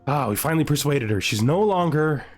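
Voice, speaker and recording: His pitch is fairly high, his intonation lively, his pace brisk. The man, a gaming video host, jokes his way through a strategy game let's-play, thinking out loud and putting questions to himself over background music.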